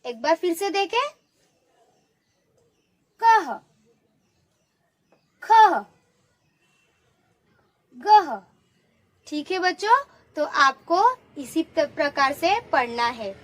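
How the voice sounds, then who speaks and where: A woman with a high, animated, sharp-toned voice speaks at a measured pace while teaching young children online as a primary school teacher. She coaxes them into repeating sounds after her, praising each answer they give.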